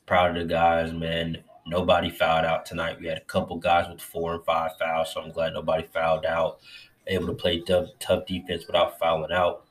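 Deep-voiced man ranting about his team. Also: moderate pace. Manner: loose, profane, excitable fan talk. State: recovering from covid, a little lightheaded. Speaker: sports fan vlogger. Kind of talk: casual game recap.

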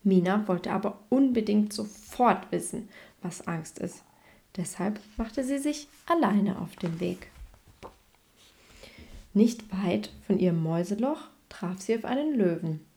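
A woman reading a children's bedtime story aloud, gently and evenly. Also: medium pitch, animated, unhurried, gravelly. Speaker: storybook reader.

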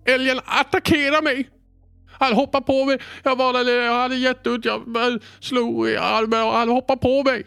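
A man voicing a frightened, injured old man who wails in a high strained voice. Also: level tone, gravelly, fairly bright tone, clear, resonant tone, dry recording, soft background music, full character voice. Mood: panicked.

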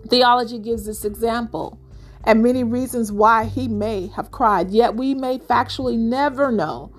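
A woman hosting a reflective devotional talk, speaking gently and measuredly with pauses. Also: on the high side, soft background music. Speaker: podcast host.

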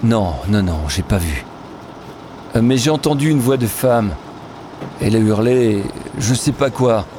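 A man voicing a shaken male driver who answers in a halting, unsure way. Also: fairly low pitch, animated, noisy background.

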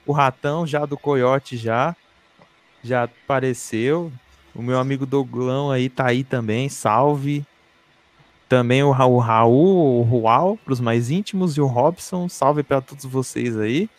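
A man's voice: medium pitch, slow, no room sound. A Brazilian man co-hosting a live podcast with informal banter, slangy and swearing freely. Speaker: podcast live stream co-host.

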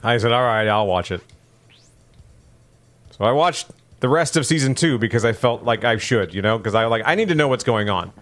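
A man's voice: medium pitch, lively intonation, moderate pace, pauses often, a bit bright. A man co-hosting a podcast, chatting casually and joking while coaching his friend through a video game. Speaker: podcast co-host. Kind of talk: casual gaming chat.

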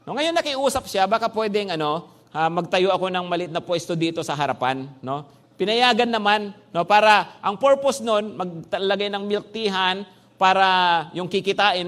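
A male pastor preaching a sermon in a lively, conversational way, often tossing "no?" to the congregation. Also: high voice. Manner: animated preaching, frequent "no?" tag questions, mixing English phrases.

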